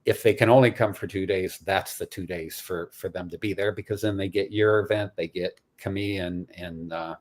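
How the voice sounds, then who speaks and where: A man on a video call talks casually and loosely about his event. His voice is a bit low. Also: steady tone, normal speed, hardly any pauses. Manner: rambling, full of you-knows. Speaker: conference organizer. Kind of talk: casual chat.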